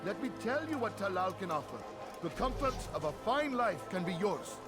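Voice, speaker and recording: A man's voice: high voice, very animated, normal speed, loud music behind the voice. An actor playing a zealous street orator in a video game, proclaiming and persuading like a salesman to a crowd. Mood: persuasive, proclaiming. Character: zealous male street orator preaching a patron's promises to crowds.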